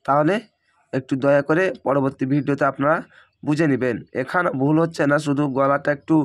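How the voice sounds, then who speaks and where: A man with a somewhat high, hoarse voice teaches reading aloud. He breaks each word into letters and vowel marks, then joins them, in a slow, patient teaching manner. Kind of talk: spelling-out recitation lesson.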